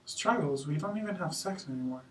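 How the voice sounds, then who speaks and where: An actor playing a blunt, dismissive husband in a marriage-counseling role-play, hesitating with fillers. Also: male voice, fairly high pitch, animated, fairly quick, close to an everyday voice. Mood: wistful. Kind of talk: amateur improvised role-play. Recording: roomy, distant mic, faint background noise.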